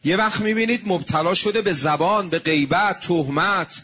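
A man delivers a sermon with a husky, slightly high voice. He tells stories earnestly and slows down on devotional phrases. The tone stays serious and heartfelt. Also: pushed and bright. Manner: earnest storytelling preacher, slowing on devotional phrases. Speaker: religious preacher.

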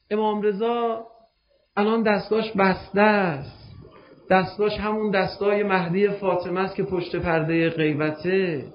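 A man preaching a sermon, retelling a story with emotion and addressing listeners directly. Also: high-pitched. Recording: dull lo-fi recording.

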